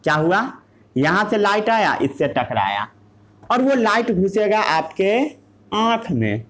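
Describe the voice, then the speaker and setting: A man's voice: sits high, sing-song, slow pace, fairly bright tone. A male teacher giving a classroom science lesson. He asks rhetorical questions, answers them himself, and mixes English terms into his Hindi.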